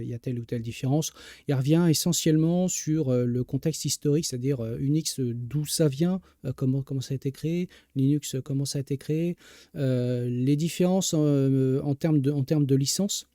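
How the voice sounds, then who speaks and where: Male live-stream host, deep-toned and dry, relaxed hesitant delivery with lots of fillers. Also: dry recording. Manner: hesitant, heavy filler sounds, restarts; reads and greets viewer chat. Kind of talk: casual tech news chat.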